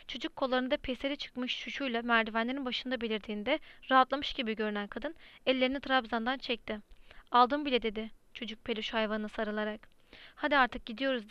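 A woman reading a novel aloud as an audiobook narrator, in a steady, even storytelling manner. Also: fairly high pitch, clear, resonant tone, dry recording. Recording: dry, slightly muffled lo-fi recording.

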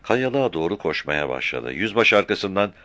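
Brief: deep-voiced male audiobook narrator, very lively delivery, dry close recording. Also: normal speed, no echo. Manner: reads every character's dialogue himself, raising his voice for shouts. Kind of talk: scripted narration of a novel.

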